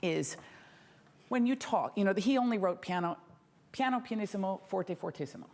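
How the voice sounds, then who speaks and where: Gravelly-voiced woman coaching a violinist. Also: mid-range voice, moderate pace. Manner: lively and demonstrative, sings rhythms, laughs often. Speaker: violin teacher giving a masterclass. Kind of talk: coaching a student in a masterclass. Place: concert hall stage at a music competition. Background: violin and piano playing faintly.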